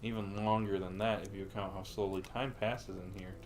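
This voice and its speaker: On the low side and darkish in tone, his voice stays flat and fairly quick as he livestreams a game, voicing lines and muttering his thoughts. Game music runs underneath.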